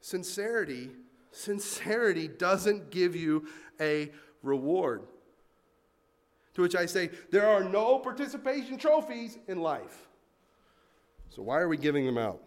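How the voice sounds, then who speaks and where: A man as a pastor preaching a sermon in a lively, conversational way, with asides to the congregation. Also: sits high, unhurried, long pauses.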